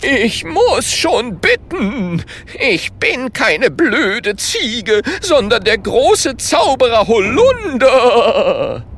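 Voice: mid-range voice, very animated, takes it slowly, gravelly, sharp tone, husky, pitched above the performer's own voice, heavily acted. A storybook narrator voicing a goat who insists he is a great wizard, speaking in a slightly raised, self-assured, lecturing tone. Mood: indignant. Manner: indignant, sniffing, lecturing.

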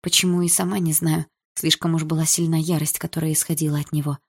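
Low-voiced woman reading a novel. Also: level tone, fast talker, breathy edge. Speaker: audiobook narrator. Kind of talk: first-person novel narration.

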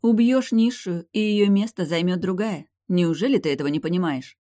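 A high, mocking young vampire lady from an audiobook, as a male reader puts her on. She taunts with smug, teasing confidence. The sound is close and dry. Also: normal speed, warm tone, no room sound, lightly acted. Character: haughty young female vampire noblewoman, mocking.

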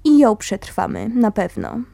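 A dignified older music teacher who speaks with quiet command and real tenderness, as a woman narrator voices her. Her tone is mellow and soft-edged, and the recording is close and dry, with no room around it. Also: mid-range voice, huge pitch swings, measured pace, gravelly, no room sound, exaggerated voice. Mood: tender. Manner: commanding yet affectionate.

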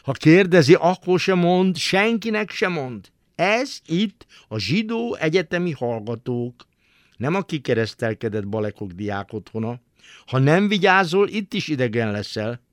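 A man voicing a brash, cocky young male survivor who talks roughly and teasingly, in a literary radio reading. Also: fairly high pitch, sing-song, dry recording, clean studio sound, pitched above the performer's own voice. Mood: warning. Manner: rough, teasing, swears casually.

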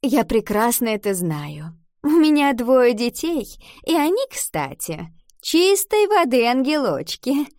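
A woman's voice: fairly high pitch, big pitch swings, takes it slowly, a little mellow, dry recording, clean studio sound, exaggerated voice. Woman doing a touchy, vain mother guest. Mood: gushing. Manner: gushing, offended about her age.

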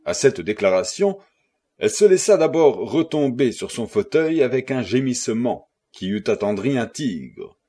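A husky male narrator reading a classic novel aloud. His measured delivery has lively, wide-ranging intonation. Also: mid-range voice. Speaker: audiobook narrator. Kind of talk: scripted narration.

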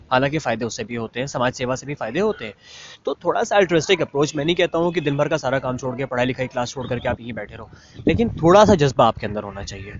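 A young man, senior member of a student club, giving an earnest, persuasive talk to new students and asking rhetorical questions. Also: fairly high pitch. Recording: dull, lo-fi sound.

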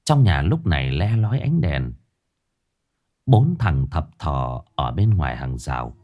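A man narrating a ghost story in an expressive way. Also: a bass voice, a little slow, dull audio. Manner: lively, expressive. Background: faint music.

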